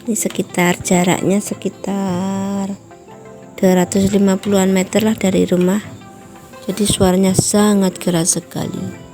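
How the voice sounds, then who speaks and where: Slow-talking woman cooking. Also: medium pitch, flat delivery. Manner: chatty, addresses viewers as friends often; apologetic, explanatory asides. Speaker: home cooking channel host. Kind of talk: casual cooking tutorial. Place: home kitchen. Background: distant loud music from a rehearsal.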